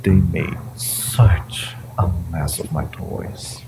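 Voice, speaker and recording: In a scripted audio drama addressed to the listener, a man gives a full character voice as an ancient, possessive hive-mind entity. His low, creaky delivery is theatrical and condescending, halting, with drawn-out menace and amused chuckles. Heavy background noise is present.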